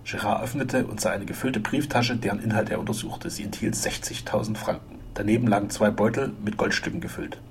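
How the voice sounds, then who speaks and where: A man narrating a classic adventure novel in a measured, even-paced reading. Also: lowish voice, slight background noise. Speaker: audiobook narrator. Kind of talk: scripted storybook narration.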